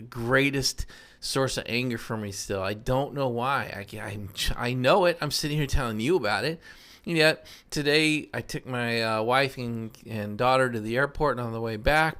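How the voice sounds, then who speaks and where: This self-improvement podcast host, a man in his 50s, delivers a casual yet earnest motivational talk, poking fun at his own failings as he reflects on them. His voice is medium-pitched, smooth, and a touch bright.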